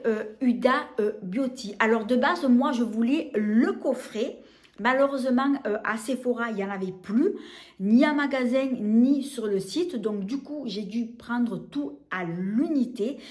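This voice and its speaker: Woman, beauty vlogger, slow halting delivery, fairly high voice, chatty and unscripted. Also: darkish tone. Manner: hesitant, many filler sounds, unhurried. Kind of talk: casual product haul talk.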